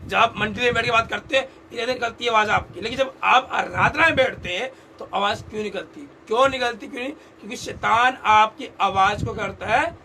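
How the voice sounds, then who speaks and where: A man's voice: extremely high pitch, a little fast, hardly any pauses, poor audio. A man preaching a sermon to a congregation, often asking questions and having them repeat his words back. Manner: quizzes the congregation, repeating phrases. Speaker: pastor. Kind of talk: call-and-response sermon. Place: church hall. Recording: loud background noise.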